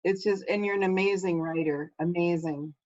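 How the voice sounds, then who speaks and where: A woman moderating a forum on a video call, friendly and brisk. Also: fairly low pitch, fairly even intonation, darkish tone, no room sound. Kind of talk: casual Zoom moderation. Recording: dry, dull video-call audio.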